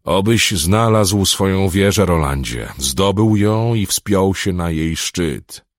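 A man voicing an aging priest, fervent and defiant in his last stand, with a deep gravelly husky voice. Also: animated, slow, no echo, clean studio sound. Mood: wry, exalted.

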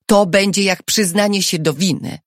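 A woman reading an audiobook who voices a frightened, quick-tempered young wife in a raised, pleading voice. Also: lowish voice, very animated, slightly rough, no room sound, clean studio sound, full character voice. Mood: anxious, urgent.

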